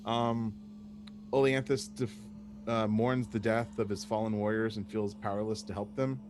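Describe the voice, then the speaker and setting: A man's voice: lowish voice, steady tone, moderate pace. A man narrating a tabletop game as the game master. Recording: noisy voice recording with hum.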